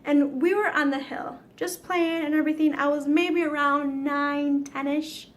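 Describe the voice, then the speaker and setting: High-pitched woman vlogger, casual storyteller, dramatic and foul-mouthed. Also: fairly even intonation, unhurried. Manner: chatty, dramatic, swears freely.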